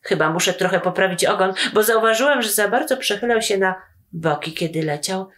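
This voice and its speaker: A woman voicing Radek, a boy brother who builds paper planes and makes big, rapid boastful promises. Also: mid-range voice, a bit bright, lightly acted. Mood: proud.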